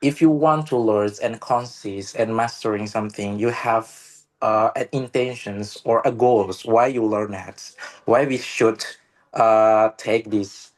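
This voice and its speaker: Talking in a casual online meeting over a video call, this Indonesian participant has a lowish, steady voice. He speaks slowly and haltingly, often pausing with "uh" and restarting, and his first language is an Indonesian local language.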